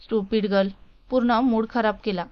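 A woman reading the part of an arrogant, dismissive rich young businessman in a storybook tale, with a smooth voice on a dull lo-fi recording. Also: fairly high pitch, steady tone, normal speed, natural voice. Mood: scornful. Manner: cold, dismissive, mocking.

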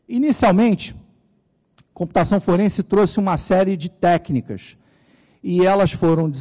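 Carioca man speaking in a big echoey hall. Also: a little high. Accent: Carioca Brazilian Portuguese. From Rio de Janeiro, Brazil. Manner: relaxed, jokey, asks and answers his own questions. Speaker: conference speaker. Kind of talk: technical conference presentation. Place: large conference hall stage. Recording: reverberant large hall.

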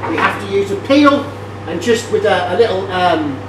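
A man's voice: high-pitched, expressive, normal speed. A middle-aged man giving a guided tour of a bakery as instructor, explaining the equipment with fillers and restarts. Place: large industrial bakery kitchen, indoors. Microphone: camera mic from a distance. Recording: echoey kitchen, distant mic, noisy.

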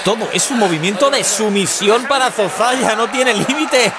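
A man with a Spain accent doing live wrestling commentary, excited and repeating phrases for emphasis. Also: high-pitched, normal speed. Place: indoor sports hall at live show. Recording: noisy echo-prone sports hall, loud crowd. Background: loud crowd and hall noise.

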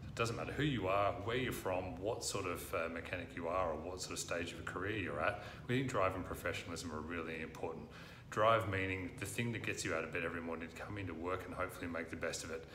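An Australian man in his thirties, working as a recruitment presenter, talks earnestly straight to camera, pausing frequently with "uh." His voice is low-pitched with a sharp tone. He's recorded in an indoor office room on a lapel mic, with roomy office echo and a little hiss or hum.

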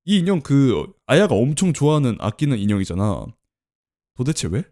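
A man giving chatty, excitable commentary while playing a horror game, exclaiming often. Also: mid-range voice, fairly quick. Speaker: game streamer. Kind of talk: let's play commentary.

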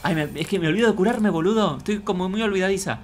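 A man's voice: high voice, fast talker, a little hiss or hum. A man with a Rioplatense Argentine accent doing let's play commentary, chattering to himself and viewers, repeating phrases and speaking of himself in feminine forms. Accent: Rioplatense Argentine Spanish. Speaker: gaming streamer.

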